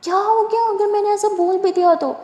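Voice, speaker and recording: A teasing, tomboyish young biker woman from an audio love story, as a woman narrator puts her on. The voice sits high and mellow, with a playful teasing manner. A long reverb from a roomy space hangs behind it. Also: normal speed. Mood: exclaiming. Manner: playful teasing, then soft and soothing. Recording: echoey room with long reverb.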